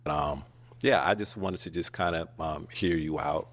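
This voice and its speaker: Low-voiced hesitant man. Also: normal speed, a little hiss or hum. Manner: hesitant, frank, many fillers. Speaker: dating show contestant. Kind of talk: casual conversation.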